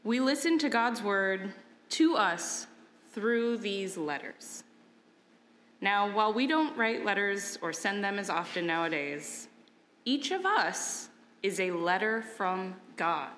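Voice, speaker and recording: A woman's voice: medium pitch, sing-song, takes it slowly, a bit bright. A woman giving an informal, conversational children's sermon, explaining things simply. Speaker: children's message speaker.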